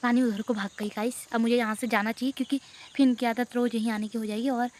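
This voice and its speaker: A woman's voice: a little high, steady tone, fast, a little mellow. A young woman from the hills of Uttarakhand vlogging casually about her village day while she has a cold and a sore throat. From Uttarakhand hills, India. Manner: chatty, talks to her viewers and coos at her cats. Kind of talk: casual vlog chat.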